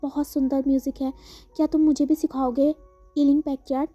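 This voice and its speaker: A woman voicing a gentle, earnest young male musician who asks soft, sincere questions, in a told fan story. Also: sits high, flat delivery, fairly quick, close to an everyday voice. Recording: slightly dull, faint background music.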